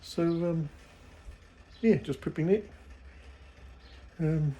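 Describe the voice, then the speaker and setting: This home cook has a New Zealand accent and a slightly high, mellow voice, and he speaks very slowly. Filming a cooking video in his home kitchen, he stays informal and hesitant, musing aloud while he works. The recording sounds muffled.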